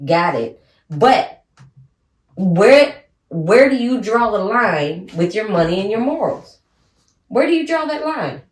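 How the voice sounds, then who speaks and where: A woman's voice: medium pitch, very animated, takes it slowly, long pauses. A woman in her forties co-hosting a podcast, talking bluntly in a casual chat and laughing often. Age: 40s. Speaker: podcast co-host. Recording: roomy sound from a distant mic.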